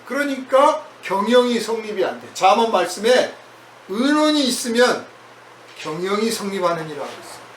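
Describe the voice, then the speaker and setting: A man's voice: very high voice, fairly bright tone. A male pastor preaching in a conversational way, acting out prayers in quoted voices. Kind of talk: sermon. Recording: echoey hall from far off, faint noise.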